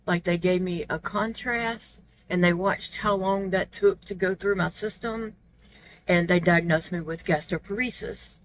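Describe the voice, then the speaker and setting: A woman with soft, toothless, gummy articulation, feeling unwell, chatting candidly and casually to her vlog viewers. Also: fairly low pitch, slight background noise, low-quality recording. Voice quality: toothless, gummy articulation from not wearing teeth. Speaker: vlog host. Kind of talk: casual personal vlog chat.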